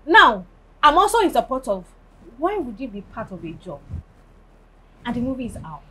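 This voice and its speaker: Higher-voiced nigerian actress, punchy and lively, pitch all over the place. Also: female voice, normal speed, a little hiss or hum, poor audio. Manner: emphatic, lively storytelling. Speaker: actress and guest. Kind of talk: casual chat.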